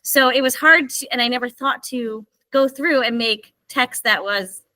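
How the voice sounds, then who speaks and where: Bright-voiced enthusiastic woman teacher. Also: on the high side, measured pace, dry recording, rough recording. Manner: earnest, enthusiastic. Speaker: special education teacher, guest. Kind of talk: conversational interview.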